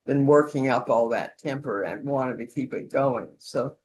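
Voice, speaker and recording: In poor audio, a woman with a rumbling low, darkish voice talks at a measured pace. Guiding an informal, conversational instructional session, she demonstrates peer-support calls through role-play.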